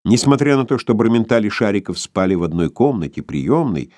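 A man narrates an audiobook in an expressive, theatrical way. His pitch moves up and down freely. The sound is dry and close, with no room around it. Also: fairly quick, no room sound. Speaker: audiobook reader.

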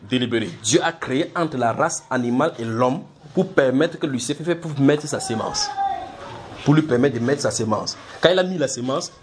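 A man preaching and teaching from the Bible, repeating words and putting questions to his listeners. He presses his points with lively energy. His voice is medium-pitched, with faint background noise. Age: adult.

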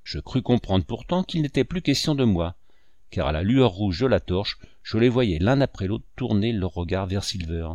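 A man narrating a classic adventure novel aloud in a measured, steady storytelling manner. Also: lowish voice, no echo. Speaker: audiobook narrator.

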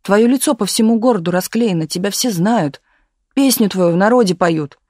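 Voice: moderate pace, darkish tone, dry recording, studio quality, close to an everyday voice. A reader voicing an eager, tearful young woman who comforts her friend in a thin little voice. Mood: eager, caring. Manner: thin little voice, raised pitch.

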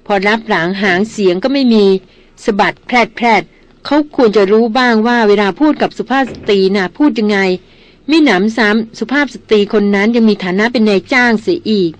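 Woman reading as a proud, sharp-tongued young noblewoman. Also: mid-range voice, a little fast, natural voice. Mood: indignant. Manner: indignant complaining.

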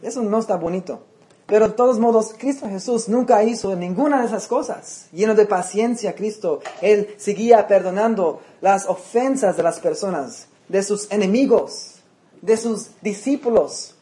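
Male pastor, sermon, conversational, checks in with the congregation, mellow tone. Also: sits high, moderate pace. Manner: conversational preaching with frequent check-ins to the congregation; mixes English words into Spanish.

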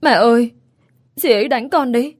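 A woman's voice: fairly high pitch, normal speed, voice pushed up, close to an everyday voice. A woman voicing a frightened little girl who sounds hurt and pleading. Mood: tearful pleading. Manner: pleading and plaintive.

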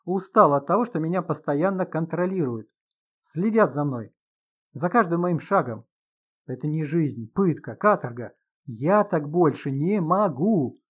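A man's voice: on the high side, lively intonation, measured pace, slightly rough, lo-fi sound. A man voicing an irritable, suspicious middle-aged husband who gets agitated and sarcastic in an audiobook reading.

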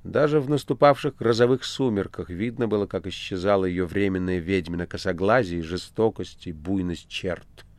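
Low-voiced male audiobook narrator. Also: normal speed, few pauses, no room sound. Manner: dramatic, expressive. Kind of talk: literary audiobook reading.

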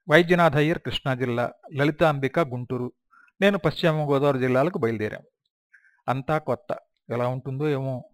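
Man, audiobook narrator, reflective memoir storytelling, fairly high pitch, dry booth sound. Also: no echo. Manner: reflective first-person storytelling.

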